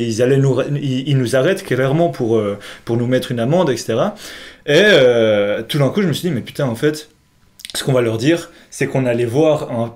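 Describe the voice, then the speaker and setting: A young man with a medium-pitched, somewhat dark voice co-hosts a podcast, casually telling a friend an anecdote in slangy bursts broken up by laughter.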